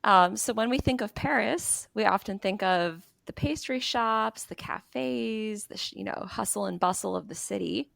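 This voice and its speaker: A woman hosts a podcast from a bedroom, laughing easily as she chats and tells a story. Her voice has a gravelly edge. The sound is dry and close. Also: mid-range voice, moderate pace, hardly any pauses, no echo. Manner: laughs often, relaxed telling. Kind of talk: casual chat and storytelling. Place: bedroom at her parents' apartment.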